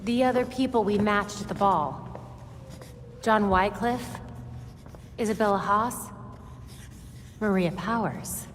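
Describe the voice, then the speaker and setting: A woman voicing Batgirl, a determined young vigilante, speaking in an earnest, brisk and focused way. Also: mid-range voice, close to an everyday voice. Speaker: game character. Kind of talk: video game cutscene acting. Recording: reverberant game mix with faint background noise.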